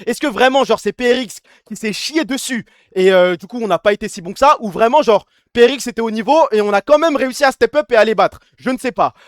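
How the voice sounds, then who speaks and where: A young man chatting on a live stream, fast and slangy with crude jokes and frequent laughs. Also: very high-pitched, no echo, studio quality. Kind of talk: casual live-stream chat.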